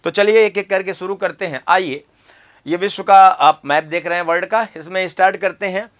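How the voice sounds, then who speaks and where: Guy teaching exam geography, fairly high bright voice, keeps repeating words and asking you questions. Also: normal speed. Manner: repeats key terms and quizzes the viewer. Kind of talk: exam-prep geography lesson.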